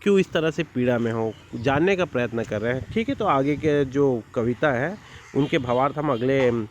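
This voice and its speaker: A man teaching a school poetry lesson, reciting verse lines slowly and explaining each word, often checking with "है ना?". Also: mid-range voice, highs cut off, a little hiss or hum.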